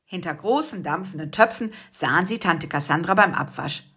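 A woman narrating a children's story in a soft, lively storytelling manner. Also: on the low side, normal speed, slightly rough. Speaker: audiobook narrator.

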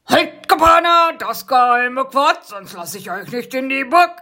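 A woman voicing a gruff, threatening male wasp guard in a storybook reading. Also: high voice, expressive, unhurried, bright, forceful tone, voice pushed up, exaggerated voice. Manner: growling, threatening.

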